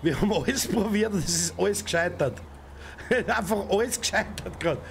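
Brief: young Austrian gaming streamer, high voice, angry outbursts at traffic, faint hiss in the room. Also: male voice, expressive, normal speed, vocal fry. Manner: swears and shouts at other drivers. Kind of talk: let's play commentary. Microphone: desk mic with headset.

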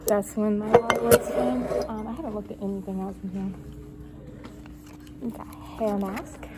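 Chatty young woman, loud background noise. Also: medium pitch, level tone, normal speed. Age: young adult. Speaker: student vlogger. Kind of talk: casual chat. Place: large indoor campus room. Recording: noisy room ambience, camera mic.

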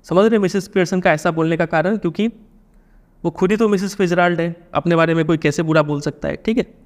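Indian teacher checking understanding. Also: male voice, fairly high pitch, fairly even intonation, fairly quick. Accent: Indian English. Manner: keeps checking understanding with questions. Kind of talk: explaining a literature lesson.

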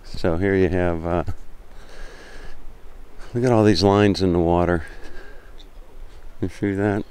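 An American vlogger from Florida narrates as he walks along a long seaside pier outdoors. His low voice is warm, clear, and resonant, with a steady tone and slow delivery, and he chats away, repeating phrases as he looks around.

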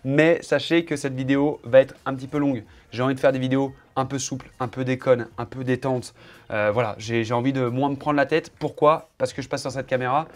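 A man in his home office chatting casually to camera, showing off his setup and teasing his cameraman in a playful, joking way. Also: mid-range voice.

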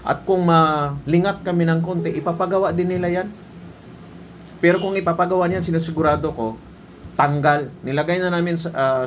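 Emphatic Filipino man over background hum. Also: a little high. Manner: emphatic, scolding, with rhetorical questions. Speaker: military training officer giving commentary. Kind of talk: opinion commentary on a video.

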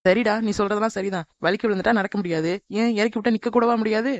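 A woman voicing a sharp-tongued, jealous young woman in a cartoon, scolding and sarcastic. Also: mid-range voice, fast, dry recording, dull audio, lightly acted. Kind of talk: animated cartoon dub.

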